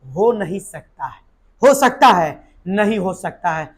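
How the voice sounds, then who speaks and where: A man with a hoarse voice from a sore throat, teaching a live online biology class. He asks the class questions and answers them himself. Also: high voice, lively intonation, measured pace. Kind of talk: live online exam-prep lesson.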